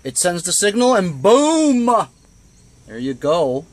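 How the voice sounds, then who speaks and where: Working in and around a cargo van, this DIY video maker gives a casual hands-on tutorial chat in a blunt, colloquial, grumbling way. His voice sits high and is very animated, yet he speaks slowly.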